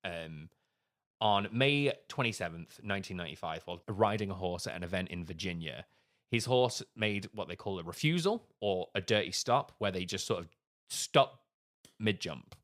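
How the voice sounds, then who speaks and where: A man co-hosting a podcast, retelling a life story in casual chat with animated asides. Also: sits low, moderate pace. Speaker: podcast co-host.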